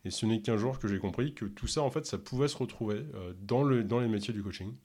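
A man from Ontario who speaks French with no accent, answering interview questions in a halting way with many fillers. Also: lowish voice, mellow, breathy edge. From Canada, Ontario. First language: English. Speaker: podcast host and health coach.

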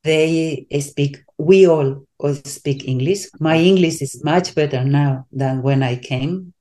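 Slow Spanish-accented woman searching for words. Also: deep voice, mellow. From Spain. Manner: halting, searches for English words, many restarts. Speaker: coach, guest. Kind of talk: casual interview talk.

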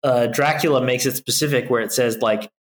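A man's voice: mid-range voice, steady tone, fairly quick. Echoey-sounding man lecturing with tag questions. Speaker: podcast co-host. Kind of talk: casual chat. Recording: echoey room.

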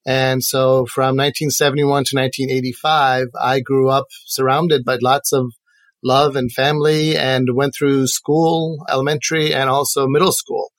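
A man in his forties from Iran, a podcast guest and educator, answering in an earnest, measured way and linking his thoughts with "and so". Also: mid-range voice, level tone, no echo. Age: 40s. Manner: earnest, measured, links ideas with "and so". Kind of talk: reflective interview answers.

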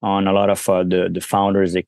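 In a laid-back interview, a guest entrepreneur talks in a very low voice, his Brazilian accent tinged with French. He speaks a little fast in a clean tone, loosely and with plenty of fillers and restarts, and the recording is dry and close.

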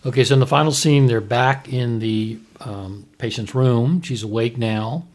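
Speaking at normal speed in a mid-range, slightly mellow voice, a male physician hosts a relaxed podcast where, as a fetal surgeon, he reviews a TV episode. He walks through the medical details in a chatty, explanatory way, often asking "right?"

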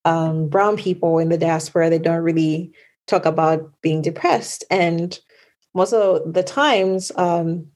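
A woman's voice: lowish voice, a little slow, a little mellow. A woman from Zambia hosting an interview, asking questions in an encouraging way with lots of fillers. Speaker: interviewer, host. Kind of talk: conversational interview.

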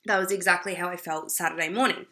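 A young vlogger from South Australia chats casually to camera, rambling loosely and scattering "like" and "you know" through her speech. Her voice is a bit low for a woman but bright and forceful, slightly hoarse from a cold, with a steady tone and a fast pace.

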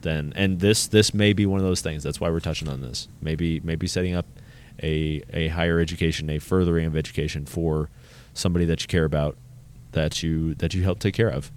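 A man's voice: a bass voice, steady tone, fairly quick, darkish tone, a little hiss or hum. A man co-hosting a personal finance podcast, chatting casually with jokes and rambling restarts. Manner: joking, self-deprecating, rambling with restarts. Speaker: podcast co-host. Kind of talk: casual chat.

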